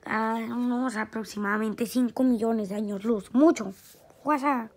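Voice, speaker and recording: The channel host, a woman with a slightly high, unhurried voice, chats playfully while drawing. She mutters to herself as she works, keeping the talk casual.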